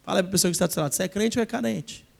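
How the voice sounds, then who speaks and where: A man preaching a sermon in church, his voice sitting unusually high. He leads the congregation in call-and-response and rises to shouting at the peaks. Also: rapid-fire, vocal fry. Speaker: pastor.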